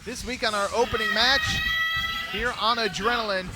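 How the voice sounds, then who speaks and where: A man doing excited live wrestling play-by-play as a commentator, often breaking into exclamations and shouts. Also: very high-pitched, normal speed, over loud music, rough recording. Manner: exclamatory, shouting at the big moves.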